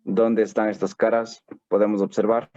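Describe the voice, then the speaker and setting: Patient teacher drilling an online class. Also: male voice, lowish voice, flat delivery, mellow, no echo, muffled recording. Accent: Ecuadorian Spanish. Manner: patient, drills pronouns slowly with check questions. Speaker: English teacher. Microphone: computer mic on video call.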